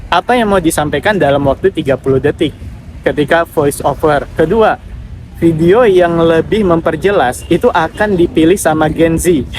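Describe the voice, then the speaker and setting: A man's voice: on the high side, normal speed, darkish tone, a little hiss or hum. A man hosting a casual live Q&A, giving direct advice and reading out viewer comments. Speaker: affiliate marketing livestreamer.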